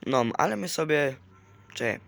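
A man commentating a video game, chatting to the game characters with sudden loud outbursts. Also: a little high, animated, a little slow. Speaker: gamer. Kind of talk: let's play commentary. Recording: clear clicking noise behind.

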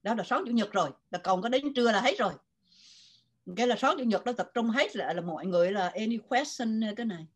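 Older Southern Vietnamese woman, animated storyteller. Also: fairly high pitch, fast talker. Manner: animated, mixing Vietnamese and English. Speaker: guest writer. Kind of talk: casual storytelling interview.

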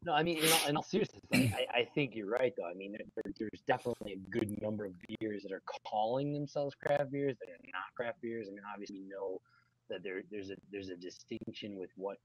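Guy hosting a beer chat, kinda low voice, rambles and restarts a lot. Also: quick pace, husky, poor audio. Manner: rambling, many fillers and restarts. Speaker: podcast co-host. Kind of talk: casual chat.

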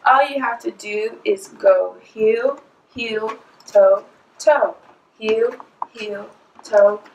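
A woman's voice: a little high, drawn-out words, reverberant, highs cut off, a little hiss or hum. A woman giving an upbeat, hyped dance tutorial indoors. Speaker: dance instructor.

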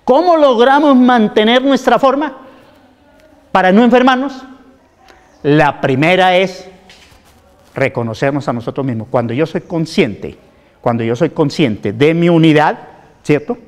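A man giving an informal health talk to a group, animated and full of rhetorical questions, with a Colombian Spanish accent. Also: a little high, unhurried, pauses often. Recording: hall with long reverb.

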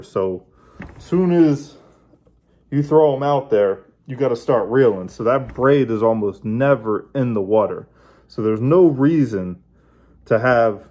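Guy with a low mellow voice walking you through a tackle tweak, laid back, faint hiss behind him. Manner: relaxed, hands-on, talks while working with pliers. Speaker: bass angler, channel host. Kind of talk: casual how-to demonstration.

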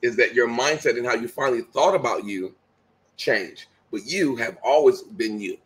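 The audio is poor, but you can hear a middle-aged man with a mid-range, somewhat bright voice talking at normal speed. Appearing as a guest on a video call from a home room, he gives an emphatic, preachy motivational conversation full of repeated phrases.

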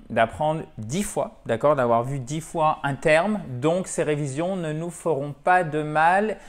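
Male teacher, mid-pitched, animated and chatty, explains at a whiteboard, drops in English examples and keeps checking in with his viewers. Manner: animated, repeats and checks in with "d'accord?" and "ok?"; mixes French with English example phrases. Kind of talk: French-language English lesson at a whiteboard. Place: classroom-style room with a whiteboard.

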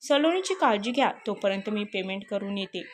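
A woman's voice: mid-range voice, animated, fairly quick, a little hiss or hum, lightly acted. A woman reading a storybook, voicing a reserved young working mother who is polite but curt. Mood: firm. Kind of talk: storybook narration.

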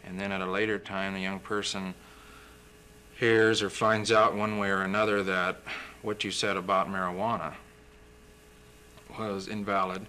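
A young man, a physician guest in a TV studio interview, explaining in a measured way and clearing his throat now and then. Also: low-pitched, little pitch movement, pushed and bright. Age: young adult. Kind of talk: interview answers.

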